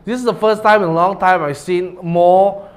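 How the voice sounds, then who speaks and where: A man's voice: high voice, steady tone, moderate pace. A Malaysian man with a Malaysian accent casting an esports tournament in casual banter, with colloquial particles like "lah". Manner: colloquial, uses 'lah' particles.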